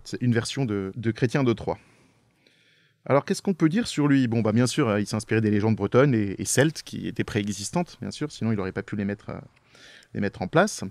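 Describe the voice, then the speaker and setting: A man, a podcast guest, explaining a topic in casual chat, hesitant with frequent pauses. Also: lowish voice, animated, a little mellow, no room sound. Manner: hesitant, many fillers and restarts.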